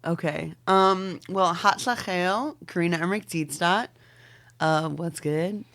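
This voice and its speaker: This Oregon woman in her forties, a fashion designer from the Pacific Northwest, is a guest on a podcast, rambling casually with many "like"s and fillers and swearing now and then. She speaks at a measured pace in a fairly low, slightly bright voice.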